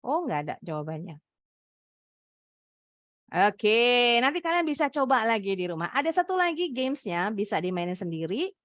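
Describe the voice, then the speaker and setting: A woman's voice: fairly high pitch, very animated, moderate pace, fairly bright tone, no room sound, studio quality. A woman English teacher with an Indonesian accent, patiently explaining and praising students during an online class.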